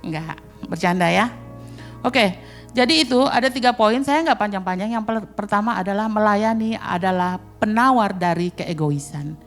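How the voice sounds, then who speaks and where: A woman's voice: mid-range voice, soft background music. Chatty middle-aged woman preaching. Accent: Indonesian. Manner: chatty and joking, acting out quick asides. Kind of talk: sermon. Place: church hall.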